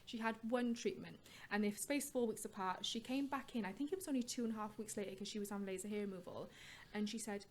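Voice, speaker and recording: Woman host, quick and chatty, slight background hiss. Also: mid-range voice. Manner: chatty, warm storyteller, lots of "like". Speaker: podcast host, aesthetics nurse. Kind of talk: casual interview chat.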